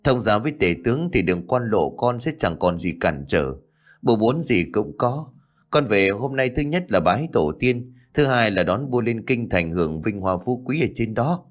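A man voicing a young newly appointed mandarin, speaking smoothly and persuasively to his mother. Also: on the low side, lively intonation, normal speed, close to an everyday voice. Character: young newly made mandarin son, gentle yet ambitious.

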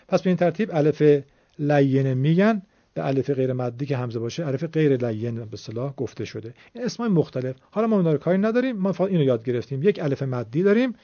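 A man's voice: a little high, warm tone, no room sound, highs cut off. A man teaching Quran recitation, explaining patiently and formally step by step. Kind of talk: classroom-style explanation.

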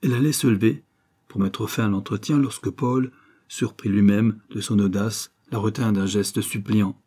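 A man reading a classic novel aloud as an audiobook narrator, in a calm, even storytelling manner. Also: fairly low pitch, normal speed, husky. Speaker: audiobook reader.

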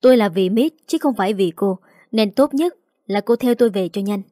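A woman voicing a stubborn young father who answers in curt, clipped lines, with soft music behind. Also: medium pitch, expressive, brisk, no room sound, clean studio sound, close to an everyday voice.

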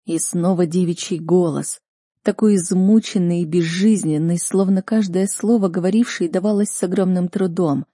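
A woman narrating a first-person story as an audiobook, with a tense, emotional reading style. Her voice is dark, low and husky. The recording is dry and close, with no room sound. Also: no room sound.

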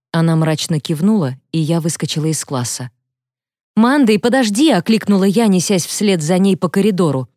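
Mellow-voiced woman reading an audiobook. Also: low voice, no room sound, studio quality. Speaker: audiobook reader. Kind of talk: first-person audiobook narration.

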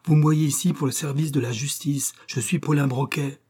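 A man's voice: fairly high pitch, fairly even intonation, normal speed, dark tone, slightly rough, pitched above the performer's own voice. A man voicing a commanding, reassuring male detective who talks firmly and soothingly, raising his voice above his narration. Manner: firm, soothing, authoritative.

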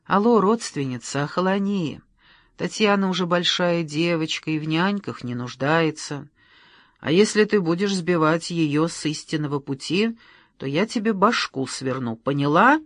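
A reader voicing Igor, a calm, blunt man who talks roughly on the phone. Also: fairly high pitch, normal speed, no room sound, studio quality. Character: blunt, confident rich man.

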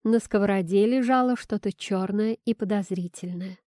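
A woman narrating a story in a calm, measured reading. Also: medium pitch, no echo, studio quality. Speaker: audiobook narrator.

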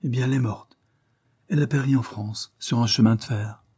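A man's voice: mid-range voice, fairly even intonation, fairly quick, dark tone, breathy edge, pitched above the performer's own voice, natural voice. A man voicing a haughty, scornful aristocratic countess, cold and cutting toward her son in a storybook reading.

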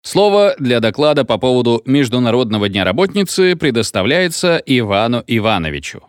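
A man's voice: medium pitch, sing-song, brisk, smooth, dry recording, studio quality, lightly acted. A man voicing a flustered, indignant chairman of a village meeting who exclaims his protests. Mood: formal.

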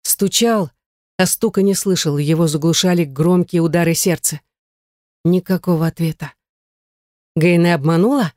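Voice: medium pitch, moderate pace, darkish tone, no room sound. Dramatic audiobook narrator, dry sound. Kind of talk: scripted narration.

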